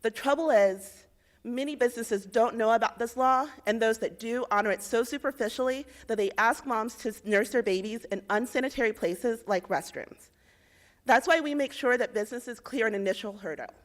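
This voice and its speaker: This young Indiana woman presents a policy pitch she has rehearsed, speaking in a slightly high voice. Her delivery of facts and figures is clear, measured and persuasive.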